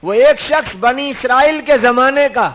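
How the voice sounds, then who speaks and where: A man from India preaching a sermon, exhorting his listeners and pressing them with rhetorical questions. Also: extremely high pitch. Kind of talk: religious sermon. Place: mosque gathering. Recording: tinny phone-like recording.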